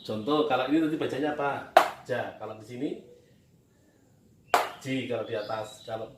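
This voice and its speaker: A man's voice: medium pitch, normal speed. A man teaching Quran reading at a board, patiently asking questions and answering them himself. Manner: patient, repetitive, asks and answers his own questions. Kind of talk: whiteboard reading lesson. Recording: echoey room, distant mic, faint noise.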